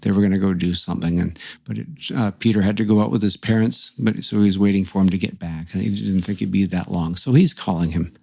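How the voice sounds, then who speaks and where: A man's voice: low-pitched, creaky, warm tone, no room sound. A man hosting a podcast, casually retelling a spooky story in a conversational way. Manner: conversational, retelling a ghost story with acted-out dialogue. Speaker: podcast host.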